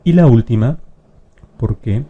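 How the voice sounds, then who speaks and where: A man explaining spelling rules in a lesson, patiently addressing the viewer directly and drawing out example words slowly. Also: medium pitch, expressive, breathy edge, narrow, tinny audio. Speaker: language teacher.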